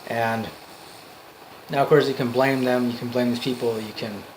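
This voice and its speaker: A man giving an off-the-cuff motivational monologue, earnest and emphatic, in halting phrases that repeat for emphasis. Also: medium pitch, fairly even intonation, a little hiss or hum, rough recording. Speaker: amateur motivational speaker.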